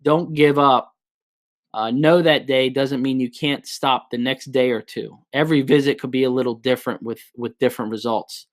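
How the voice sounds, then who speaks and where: A man's voice: medium pitch, normal speed. A man hosting a casual live show, swapping work stories with a guest. He talks at an easy pace and circles back on his words as he goes. His voice sits in a middling range. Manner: storytelling, relaxed, lots of restarts. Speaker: host.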